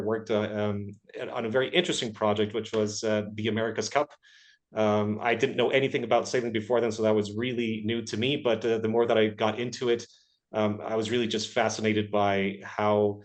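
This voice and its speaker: Guy from ecuador, 30s, answering interview questions, kinda hesitant, low voice. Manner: hesitant, many filler sounds. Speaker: guest, research engineer.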